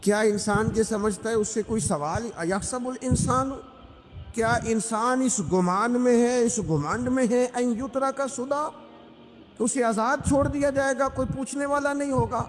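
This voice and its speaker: A man's voice: very high-pitched, fairly even intonation, normal speed, few pauses. A man delivering an emphatic, rhythmic sermon, repeating phrases and reciting Arabic verses. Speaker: Islamic preacher. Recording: echoey hall, noisy.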